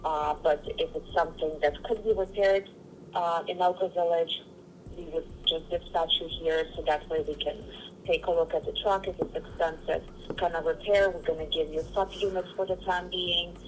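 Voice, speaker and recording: A woman's voice: fairly low pitch, fairly even intonation, moderate pace, slight background noise. Patient woman recruiter over the phone. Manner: patient, hesitant with many fillers. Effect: heard over a phone call. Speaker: trucking company recruiter. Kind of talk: phone call answering a job inquiry.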